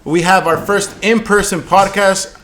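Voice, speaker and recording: A young man hosting a podcast, opening it in a loud, drawn-out, showy ring announcer's manner. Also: high voice, steady tone, slight background noise. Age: young adult. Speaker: podcast host. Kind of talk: ring-announcer style show introduction. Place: indoor lounge seating area.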